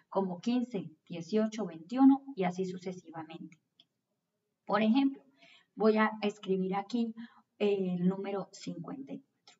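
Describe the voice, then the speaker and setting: A woman presents a children's lesson in a medium-pitched voice, picked up away from the mic with slightly dull sound. She explains step by step in a didactic way, repeating rules and posing questions that she then answers. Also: darkish tone, recorded from a distance. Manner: didactic, asks questions and answers them herself. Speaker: math teacher presenting a video lesson.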